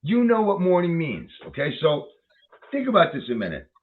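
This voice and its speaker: A man's voice: on the high side, wildly swooping pitch, moderate pace. A man ranting in a heated, profane commentary, swearing often and repeating himself as he reacts to a video. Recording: tinny phone-like line.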